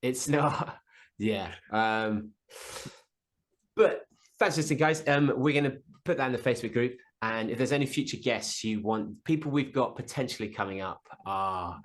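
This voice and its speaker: A man's voice: on the low side, moderate pace. A man co-hosting a podcast, easygoing and a bit hesitant, with dry teasing humor. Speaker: podcast co-host. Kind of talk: casual chat.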